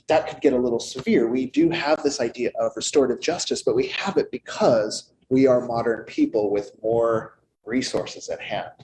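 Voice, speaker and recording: A man preaches a Sunday sermon in a loose, conversational way, tossing in playful asides. His pitch sits in a middle range for a man. A faint hum of room ambience lingers under his voice. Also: darkish tone, poor audio. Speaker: minister. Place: church sanctuary.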